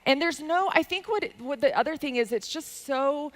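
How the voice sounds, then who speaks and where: A woman's voice: high voice, lively intonation, moderate pace. A woman with a Southern US accent, telling her experience in a casual, enthusiastic panel talk with lots of fillers. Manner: chatty and enthusiastic, with many "like" fillers. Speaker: company representative sharing her experience.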